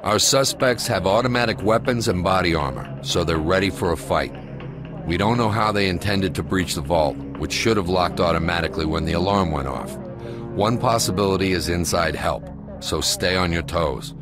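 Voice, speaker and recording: A deep-voiced American police tactical commander , played by a male actor, gives a grave, commanding briefing over prominent music. He is measured and matter-of-fact, like a squad leader in a tactical video game. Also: natural voice.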